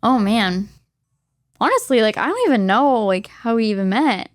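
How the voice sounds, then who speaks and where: A woman's voice: fairly high pitch, very animated, moderate pace. A young woman, a guest on a casual podcast, talking in a bubbly, chatty way and laughing often. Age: young adult. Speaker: podcast guest, sports creator.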